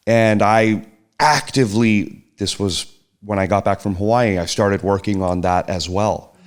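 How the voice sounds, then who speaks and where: Guesting on his partner's podcast, a middle-aged man speaks in a lowish, steady voice at a slightly slow pace. His casual, soft-spoken reflections are hesitant, full of restarts and sentences that trail away.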